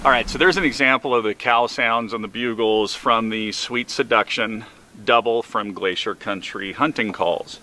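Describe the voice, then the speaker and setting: A man's voice: lowish voice, moderate pace, noisy background. A man giving a casual, instructional product review in a folksy, informal way, repeating himself as he goes. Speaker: product reviewer of hunting calls.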